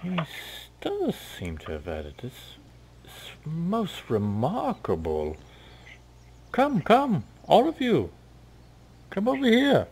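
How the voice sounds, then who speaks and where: A man voicing a smug, flamboyant male dark elf leader who drawls with theatrical courtesy. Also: a little high, wildly swooping pitch, slow, slight background noise, pitched above the performer's own voice, exaggerated voice.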